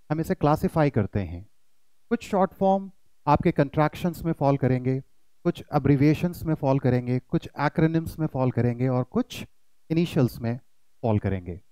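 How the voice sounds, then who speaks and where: A man's voice: fairly high pitch, dark tone, no room sound, low-quality recording. A man teaching pronunciation in an online lesson, addressing his students as kids and demonstrating rising and falling intonation.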